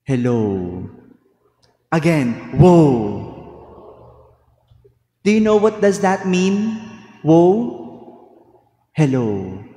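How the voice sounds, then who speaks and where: Slow priest with cathedral echo. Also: male voice, fairly high pitch, very animated, warm tone. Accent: Filipino. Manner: slow and deliberate, quizzing the congregation. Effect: cathedral echo with long reverb. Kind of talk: homily during Mass. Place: large church. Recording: echoey church hall sound.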